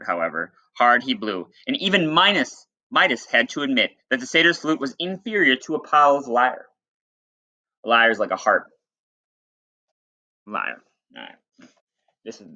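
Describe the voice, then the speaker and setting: Storytelling teacher-style, a man reads aloud and pauses for plain, informal explanations aimed at his listeners. His voice is medium in pitch and sharp in tone, captured with dull, lo-fi sound quality.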